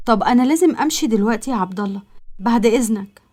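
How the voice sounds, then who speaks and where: A woman's voice: on the high side, animated, very fast, warm tone. A woman with an Egyptian accent voicing a shy, proper young woman who speaks defensively. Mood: earnest. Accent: Egyptian Arabic.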